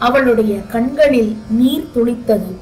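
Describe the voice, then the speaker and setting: A woman narrates a novel in a high, clear voice at a slow, deliberate pace. Her delivery is even and steady. Faint music sits behind her. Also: poor audio. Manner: even, unhurried storytelling. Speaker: audiobook narrator.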